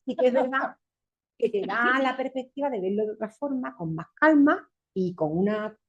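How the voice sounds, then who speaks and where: A reflective woman around fifty with a Spanish accent, speaking on a panel. Her voice is somewhat husky, and she often checks in with the listener at the end of a thought. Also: on the high side, animated, normal speed, highs cut off. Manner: reflective, frequent tag questions. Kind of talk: panel discussion.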